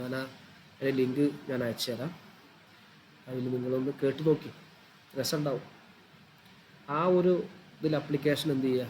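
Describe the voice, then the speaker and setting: A man's voice: medium pitch, a little mellow, a little hiss or hum, low-quality recording. A man teaching an informal online religious class, chatty and repetitive as he explains things step by step.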